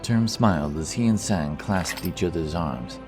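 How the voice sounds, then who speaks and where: Music sits noticeably behind a man narrating a fantasy audiobook. His voice is low-pitched, his pace measured, and the storytelling is scripted.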